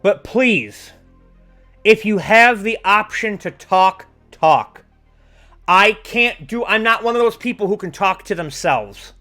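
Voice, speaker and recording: A man in his forties hosts a livestream, delivering an impassioned, blunt and sweary monologue to his online audience while hammering key words. His voice is high-pitched and sharp, slow in pace but lively in intonation. Soft music plays in the background.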